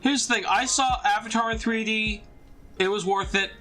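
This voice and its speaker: A man's voice: sits high, steady tone, normal speed, music in the background. A man co-hosting a casual film review chat, earnest and enthusiastic, with some teasing.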